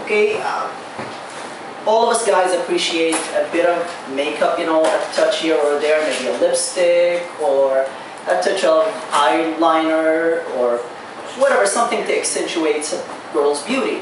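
A young man works through a stand-up set, stumbling over restarts and leaving drawn-out pauses. He talks into a handheld mic in a small bar, but the sound comes from a camera across the room. It is very roomy and distant, with a steady background noise. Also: a little high. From Saudi Arabia. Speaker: stand-up comedian. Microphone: handheld mic, recorded by far camera.

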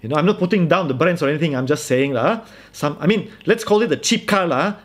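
A man preaching in a casual, conversational style with a Malaysian English accent, emphatic and animated. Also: a little high, quick pace. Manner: animated, emphatic, acts out quoted voices. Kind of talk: conversational sermon.

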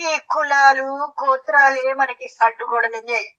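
A sorrowful young woman, played by a woman, speaks softly with lingering regret. Her voice is high and bright. The recording is muffled and lo-fi. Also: fairly even intonation, normal speed. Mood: mournful. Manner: soft, mournful, lingering. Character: sad young woman, former college sweetheart.

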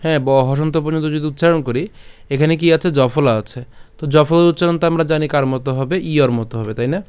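A man with a smooth, resonant voice leads a verse pronunciation lesson. He moves step by step, poses questions and answers them himself. When he recites the verse he slows right down into a drawn-out chant, his voice sitting a little higher than most men's. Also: a little mellow. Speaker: Gita recitation teacher.

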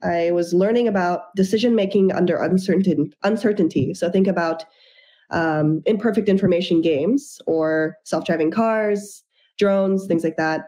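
A woman's voice: lowish voice, normal speed, warm tone. Upbeat woman founder on a video call. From Japan and the United States. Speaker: startup founder, guest. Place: indoor room at home. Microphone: video call webcam.

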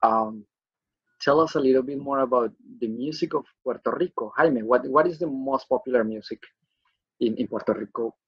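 A man, hosting a casual music chat over a video call, warm and thankful, restarting his words often. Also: mid-range voice, normal speed, breathy edge, highs cut off. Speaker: host, musician. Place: outdoor patio.

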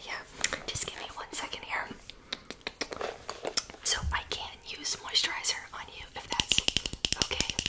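A young woman in a whispered role-play as a sassy, condescending mean girl, talking close up in a fast, chaotic way and repeating words in rapid strings. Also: rough recording. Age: young adult. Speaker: ASMR performer. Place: small room indoors.

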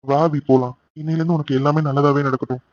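A teasing, loyal young best friend from a cartoon, voiced by a man. He talks quickly, a bit high for a man. The sound is dull and lo-fi. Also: little pitch movement, natural voice. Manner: joking, warm-hearted banter.

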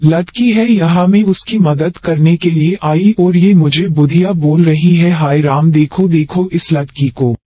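A man voicing an indignant middle-aged woman who complains in loud exclamations, on a dull lo-fi recording. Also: a little high, measured pace, few pauses. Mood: outraged.

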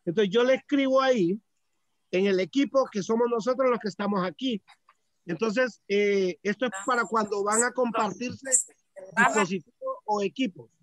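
A man's voice: sits high, moderate pace, dry recording. A man teaching a course over a video call, explaining patiently step by step. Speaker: course instructor.

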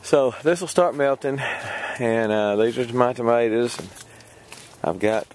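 Here the Texan vlogger speaks at an unhurried pace in a medium pitch, giving a rambling, casual garden walkthrough outdoors. He hesitates, leans on fillers and chuckles often, and his handheld camera picks up slight background noise.

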